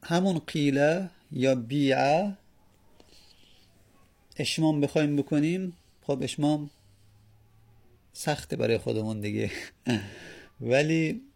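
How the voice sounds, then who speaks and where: A man teaching Arabic grammar in a patient way, repeating each word and sounding out the examples slowly. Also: on the high side, vocal fry, a little mellow. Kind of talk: explaining Arabic grammar in Persian.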